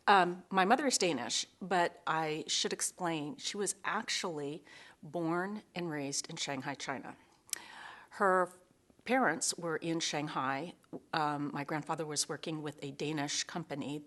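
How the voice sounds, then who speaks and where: A middle-aged woman from Seattle with a low voice speaks earnestly in a recorded interview. She talks thoughtfully, pausing often with fillers as she gathers her words. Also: a bit bright.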